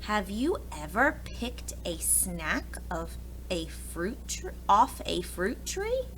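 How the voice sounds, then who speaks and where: A preschool teacher from America gives an expressive picture-book reading aimed at young children, pausing for questions and asides. The audio is poor, with clear background noise; her mid-range voice is very animated, a bit bright, and unhurried.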